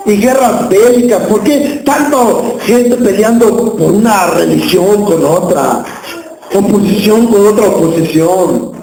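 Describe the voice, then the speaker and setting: Guy preaching in church, high mellow voice, lots of echo, keeps asking the crowd questions. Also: lively intonation, measured pace, creaky. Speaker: pastor. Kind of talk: sermon. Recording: echoey church hall.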